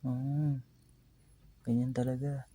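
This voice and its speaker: A man chatting casually to his pet cat, teasing and coaxing her in a soft, low-key way. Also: level tone, slow.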